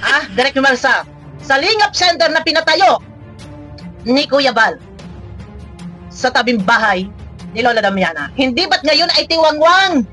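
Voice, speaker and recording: A woman's voice: high-pitched, very animated, unhurried, long pauses, over music. A woman vlogger giving mocking, scolding reaction commentary, laughing often as she talks.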